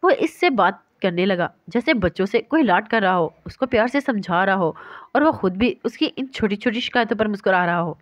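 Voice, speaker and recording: A woman's voice: medium pitch, lively intonation, few pauses, no room sound. Woman narrating a romance novel. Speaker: novel reader.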